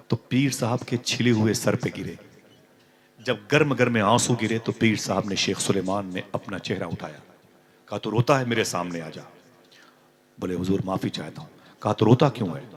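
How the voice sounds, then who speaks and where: A man giving a religious sermon, telling a story with acted-out dialogue and sudden loud, emotional outbursts. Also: on the low side. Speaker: preacher.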